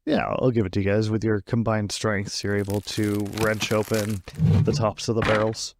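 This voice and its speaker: A man's voice: lowish voice, flat delivery, moderate pace, slight background noise. A man running a tabletop game as game master, narrating scenes in a descriptive way.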